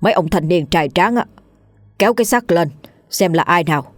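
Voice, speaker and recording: Give me a commanding village chief, a middle-aged man barking orders, as a woman storyteller puts him on. Low-set and dry, with soft music beneath. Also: expressive, normal speed, dry recording, natural voice.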